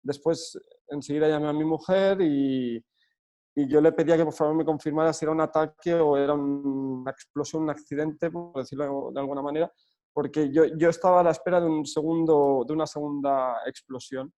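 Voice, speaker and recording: A man from Spain, a football coach answering interview questions earnestly, pausing often with fillers. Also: fairly high pitch, steady tone, mellow, dull audio. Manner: earnest, hesitant with frequent fillers and restarts.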